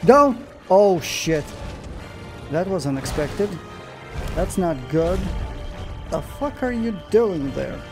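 A man's voice: a little high, takes it slowly, pauses often, over music. A man narrating his own gameplay, swearing freely and talking to the monster he fights. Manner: swears often, talks to the monster, excitable outbursts. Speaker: gamer. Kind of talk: live gameplay commentary.

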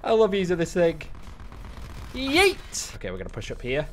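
A young man streaming, giving excitable running commentary on his gameplay from a close mic. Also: on the high side, rapid-fire, a little hiss or hum. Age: young adult. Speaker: gaming streamer.

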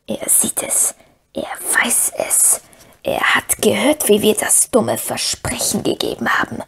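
A woman reading aloud and voicing the hoarse, hissing dark side of a wretched male creature, greedy and scheming as he mutters to himself. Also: mid-range voice, wildly swooping pitch, measured pace, whispered, exaggerated voice. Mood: fearful.

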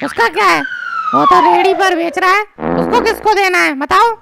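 A woman's voice: very high voice, huge pitch swings, moderate pace, exaggerated voice. A woman voicing a grumpy, sarcastic male shopkeeper in a cartoon comedy, recorded with noticeable noise. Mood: irritated. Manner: sneering, gruff, sarcastic.

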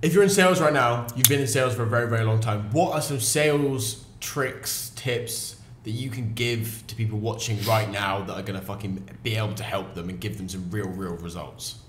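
A man's voice: on the low side, fairly quick, few pauses, roomy sound, a little hiss or hum. A man hosting a podcast, asking questions casually and swearing. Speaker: podcast host.

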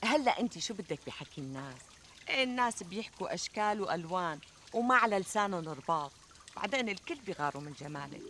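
Casting: chatty, coaxing Syrian best friend, TV comedy, quick emphatic delivery, faint outdoor noise. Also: female voice, fairly low pitch, fairly bright tone. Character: flattering, reassuring, chatty woman friend. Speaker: actress in a TV comedy drama. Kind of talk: conversational TV comedy sketch acting. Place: outdoors in a garden. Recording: outdoor ambience, trickling water noise.

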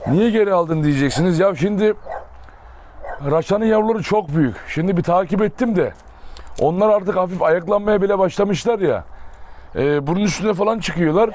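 A man's voice: high voice, normal speed, a little mellow. A man talking casually to viewers while coaxing and praising his dogs by the pens. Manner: coaxing, affectionate commands to dogs. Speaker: dog breeder vlogger.

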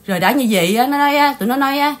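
A woman's voice: high voice, very fast. Chatty indignant Vietnamese-born woman host. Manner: chatty, indignant, addresses viewers often. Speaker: channel host. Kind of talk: casual gossip commentary.

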